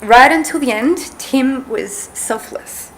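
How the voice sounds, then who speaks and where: A woman's voice: high voice, a little hiss or hum, low-quality recording. A young woman reading a tender family eulogy at a funeral service into a podium microphone. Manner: slow, tender, emotional.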